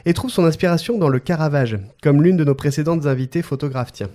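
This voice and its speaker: A man's voice: fairly high pitch, fast talker, warm tone. A man hosting a podcast, reading out a guest introduction with playful joking asides and frequent laughter. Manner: playful, often breaks into laughter. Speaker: podcast host.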